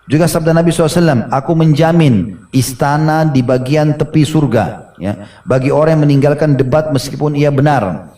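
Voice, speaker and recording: Fast-talking preacher, dark voice. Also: male voice, fairly high pitch, far from the mic. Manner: lively storyteller acting out quoted voices, frequent "ya" fillers. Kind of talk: sermon retelling hadith stories.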